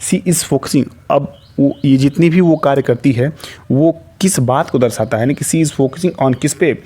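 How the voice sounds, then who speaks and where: A man teaching an online exam-prep lesson, reading English question text slowly and explaining it in Hindi. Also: medium pitch, dark tone, slightly rough. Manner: reads English phrases slowly, then explains them in Hindi.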